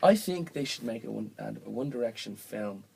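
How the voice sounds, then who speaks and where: A man's voice: lively intonation, moderate pace, gravelly, mellow, husky. A man hosting a casual comedic podcast, rambling and joking as he drifts between topics. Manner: rambling, jokey, drifts into falsetto bits. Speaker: podcast host.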